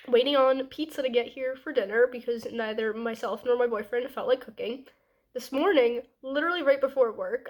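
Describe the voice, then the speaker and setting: A young woman with a congested, nasal voice, as if her nose is blocked, chatting casually in a rambling book vlog. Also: on the high side. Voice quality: stuffy, nasal. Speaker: book vlogger.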